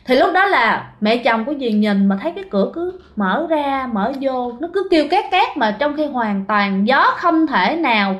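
A woman's voice: high-pitched, lively intonation, moderate pace, few pauses, a bit bright. A woman with a Southern Vietnamese accent telling a ghost story in a casual, chatty way, often speaking straight to her listeners. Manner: chatty, keeps addressing listeners directly.

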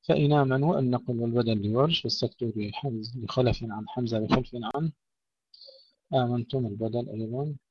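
A man teaching tajweed, explaining pronunciation errors and reciting each example slowly and drawn out. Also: medium pitch, husky, no room sound, muffled recording.

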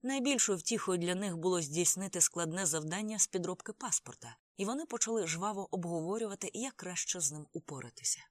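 An audiobook narrator reading a first-person novel in a measured, steady storytelling manner. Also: medium pitch, dry recording.

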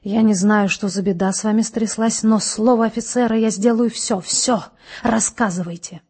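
Audiobook: an excitable, gallant colonel read by a woman, fervent and a little husky. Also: mid-range voice, normal speed, close to an everyday voice. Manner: fervent, exclaiming. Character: gallant, excitable middle-aged male police colonel.

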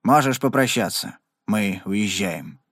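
A man voicing a gruff, worried aging father who speaks low and slow in a Western storybook. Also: lively intonation, fairly bright tone, dry recording, studio quality, heavily acted. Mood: gloomy.

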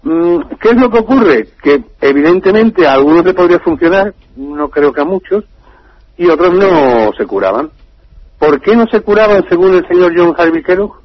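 A man telling a story on a radio show in a lively, joking way. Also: sits high, moderate pace, no echo. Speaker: radio contributor. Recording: dull, dry radio line.

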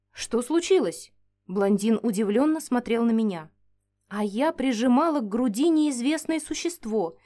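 A woman narrating a first-person fantasy audiobook in an expressive, animated way. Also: on the high side.

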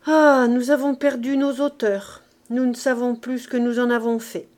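A woman voicing a cheeky, brash street boy in a storybook reading, talking loudly and jauntily in a raised voice. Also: flat delivery, moderate pace, natural voice. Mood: cocky. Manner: loud, jaunty, raised pitch.

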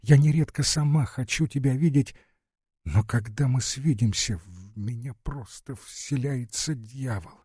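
A man gives voice to a tormented young woman full of bitterness and revenge. The delivery is slow and husky, anguished at first and then furious. The sound is dry and close. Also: mid-range voice, dark tone, dry recording. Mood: pained confession. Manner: anguished, rising to furious outbursts. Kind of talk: audiobook reading.

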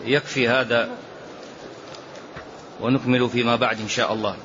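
A man's voice: mid-range voice, little pitch movement, normal speed, noisy background. A man giving a religious lesson, emphatic, repeating phrases and drawing out quoted verses. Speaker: sheikh teaching a lesson. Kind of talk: religious lesson explaining a poem. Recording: dull lo-fi lecture recording with faint ambience.

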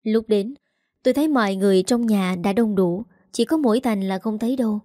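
A woman tells a sorrowful family tale in a measured, steady way. Her voice is mellow and warm, recorded close and dry. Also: mid-range voice, no room sound. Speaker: storyteller. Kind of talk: scripted first-person narration.

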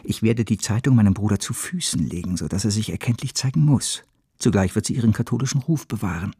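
A man with a warm, fairly low voice portrays a scheming, vain French banker of roughly fifty in a German radio play. He sounds slightly husky, brisk, and smooth-talking, coming across as calculating.

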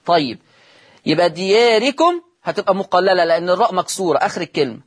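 A man's voice: high-pitched, lively intonation, fast. A man with an Egyptian accent teaching Quran recitation on a broadcast lesson, drawing out recited words and quizzing his listeners. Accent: Egyptian Arabic.

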